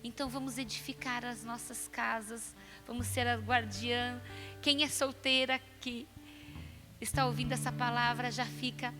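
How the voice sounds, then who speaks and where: A Brazilian woman pastor preaching a lively sermon and addressing her listeners directly. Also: a little high, moderate pace, in a large hall, music in the background. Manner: animated, lively preaching with asides to the audience.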